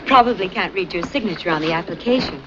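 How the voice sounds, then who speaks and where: A woman's voice: fairly low pitch, lively intonation, fast, natural voice. An actress playing a sceptical, practical girlfriend with wry objections, in 1940s screwball comedy banter on a muffled, noisy soundtrack.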